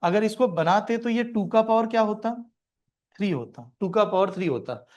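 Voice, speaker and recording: A man's voice: high voice, expressive, moderate pace, darkish tone. A man teaching math in a classroom lecture, asking questions and answering them himself.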